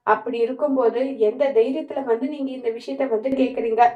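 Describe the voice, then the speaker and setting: A woman's voice: fairly high pitch, fairly even intonation, a little fast, reverberant, narrow, tinny audio, natural voice. A woman reading the lines of a blunt young man who angrily refuses a mother's plea. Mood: angry. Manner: angry, reproachful.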